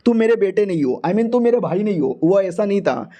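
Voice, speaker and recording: A man's voice: high voice, lively intonation, a little fast, mellow. A man voicing a young woman, the hero's worried sister, who talks in an anxious, pleading way. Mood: emotional.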